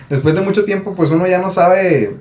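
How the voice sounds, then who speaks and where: Hombre mexicano bromista, voz algo aguda. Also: male voice, high-pitched, normal speed, echoey room. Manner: joking, animated, mimics people in funny voices. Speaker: podcast host. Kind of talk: casual chat.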